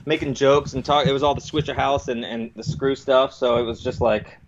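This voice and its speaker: A man's voice: mid-range voice, flat delivery, a little fast, muffled recording, slight background noise. A man in his thirties, a talk show guest, bantering and joking in a laid-back way. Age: 30s. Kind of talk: casual radio talk show chat.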